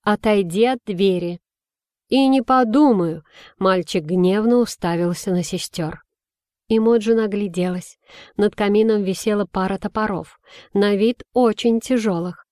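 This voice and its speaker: A woman reading a children's fantasy story aloud, with clear, even storytelling. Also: mid-range voice, no echo, clean studio sound. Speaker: audiobook narrator. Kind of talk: scripted storybook narration.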